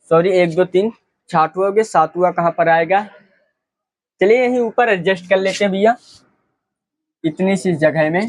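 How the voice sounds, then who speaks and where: A man runs through a chemistry class in a high voice. He poses questions and answers them himself, repeating each term for his students. The sound is close and dry. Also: no echo. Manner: repetitive, asks and answers his own questions. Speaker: chemistry teacher. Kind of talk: classroom lecture.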